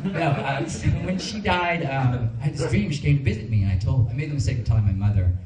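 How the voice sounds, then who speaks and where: A man's voice: mid-range voice, lively intonation, fast, recorded from a distance, crowd noise. A man doing self-mocking stand-up comedy at a club, with plenty of ums and uhs. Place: comedy club with live audience. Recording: roomy stage sound from afar.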